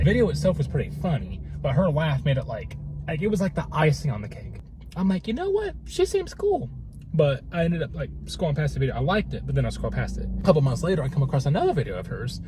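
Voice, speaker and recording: A man's voice: fairly high pitch, expressive, quick pace. A young man from North Carolina casually telling the story of how he met his girlfriend, rambling with many likes and restarts. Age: young adult. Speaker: vlogger telling a couple's story. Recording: noisy background.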